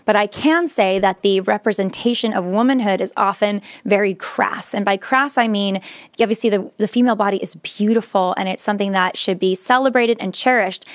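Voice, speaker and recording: A woman's voice: mid-range voice, no echo. Earnest woman, dry close sound. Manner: earnest, measured, with occasional fillers and restarts. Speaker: speaker sharing her views. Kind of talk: earnest monologue.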